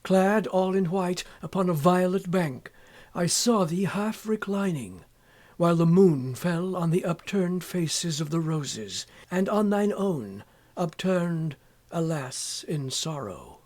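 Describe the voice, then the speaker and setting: A man with a fairly high voice performs a dramatic, animated poetry reading. He goes very slowly, phrasing lines with passion, pausing often and frequently dropping to a hush.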